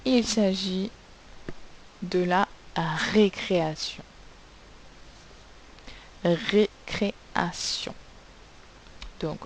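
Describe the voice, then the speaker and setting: Slow, low-voiced woman teaching spelling. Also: creaky, a little mellow, a little hiss or hum, low-quality recording. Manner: slow and patient, spelling words out sound by sound. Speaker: primary school teacher. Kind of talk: recorded spelling lesson for children.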